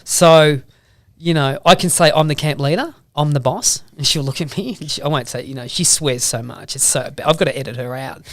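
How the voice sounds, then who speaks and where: A man's voice: medium pitch, fairly even intonation, a little fast, no room sound. A man with a broad Australian accent telling rambling anecdotes casually in an interview. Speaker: podcast guest, motorbike vlogger.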